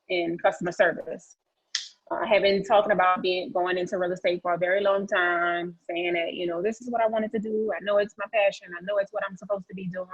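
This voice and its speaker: Lady running a pep-talk training on a video call, husky voice, chatty and folksy, kinda muffled audio. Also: fairly low pitch, a bit bright. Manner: chatty, folksy, encouraging audience participation. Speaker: real estate agent leading a training session. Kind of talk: interactive motivational presentation on a video call.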